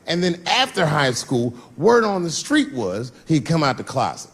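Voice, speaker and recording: A man with a slightly high, sing-song voice performs stand-up at a live venue at normal speed. He tells a story and acts out the voices of its characters while the audience laughs, with faint background noise in the live recording.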